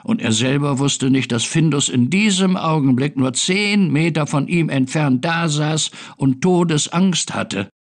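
A man narrating a children's story in a computer game, reading gently and expressively. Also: fairly high pitch, measured pace, few pauses.

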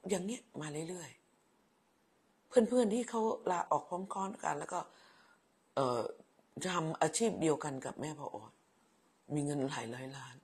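Husky middle-aged woman, ex-teacher, chatty motherly livestream host who teases and repeats herself. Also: low voice, lively intonation, a little slow, pauses often. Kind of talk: casual live chat reading viewer comments.

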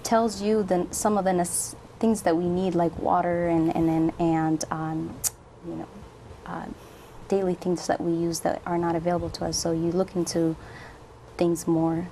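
A young woman from Somalia talks on a lapel mic in a dark studio, her voice sitting fairly low for a woman. She answers questions in a friendly way, laughing often and filling gaps with ums. A faint hiss runs underneath. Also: flat delivery, moderate pace. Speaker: guest. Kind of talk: casual interview answers. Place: dark television studio, indoors.

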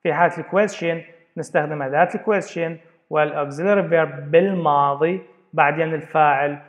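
A man's voice: fairly high pitch, fairly even intonation, normal speed. A man teaching an English grammar lesson, explaining step by step and repeating words as he goes. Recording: dull lo-fi recording.

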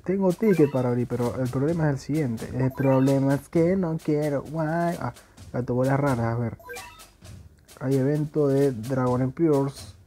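This gaming YouTuber, a young man with an Argentine Spanish accent, has a dark, mid-range voice and talks at a normal speed. He trades jokes and crude slang while playing a video game, with soft music behind him.

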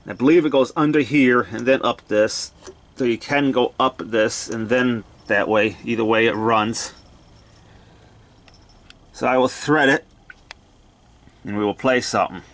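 This gadget demonstrator has a fairly bright, mid-range voice and takes his time, leaving long pauses. He walks through the equipment casually and hands-on, using brief, matter-of-fact phrases, recorded indoors on a handheld camera in a cluttered home room.

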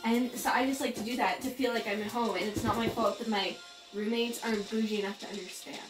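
A woman's voice: a little high, steady tone, fast talker, close to an everyday voice. A young woman playing a spoiled, whiny rich girl who leans on her father's money, in a comedy skit. Her voice is heard from a distance in an echoey room, with music behind. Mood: haughty. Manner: whiny and self-absorbed. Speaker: college roommate in a comedy skit.

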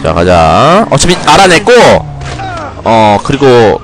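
A man's voice: mid-range voice, big pitch swings, slow pace, background noise. A young man casually commenting while he plays a game, joking with viewers and ranting at the characters in mock anger. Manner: joking, talks to himself and viewers, mock scolding rants. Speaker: game streamer.

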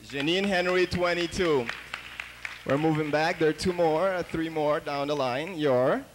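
A man's voice: a little high, unhurried, background noise. A man hosting a TV show, chatty and upbeat, passing questions along and introducing guests. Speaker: TV show host.

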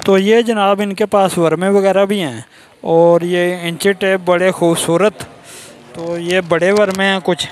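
A man in his thirties with a Pakistani Urdu accent, filming a casual walking tour of a tool shop and asking about prices. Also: high voice. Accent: Pakistani Punjabi-inflected Urdu. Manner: casual, points things out and asks prices. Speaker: vlogger. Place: indoor tool shop in a market.

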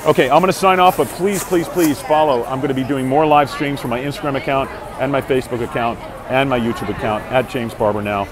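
A man's voice: medium pitch, fast talker. A man in his forties, an actor, chatting casually to viewers on a live phone stream as he walks a street fair, upbeat and full of fillers. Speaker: Broadway actor vlogging live. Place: crowded city street outdoors. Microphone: earbud headset mic on phone held at arm's length. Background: street crowd.

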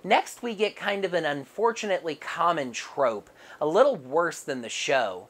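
A woman's voice: low-pitched, expressive, moderate pace. A woman narrating a casual comic book review with wry, sarcastic asides.

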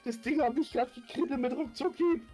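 A young man chatting casually while playing a game together, bursting out loudly so his overdriven mic clips and cuts out. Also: very high voice, brisk, husky, soft background music. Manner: excitable, slangy, loud outbursts. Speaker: co-player. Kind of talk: casual gaming chat.

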